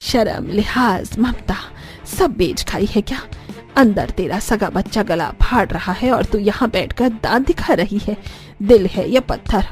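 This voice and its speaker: A woman's voice: medium pitch, animated, a little slow, a little mellow, soft background music, close to an everyday voice. A woman voicing a stern scolding mother-in-law. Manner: scolding, indignant. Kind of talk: animated cartoon voice acting.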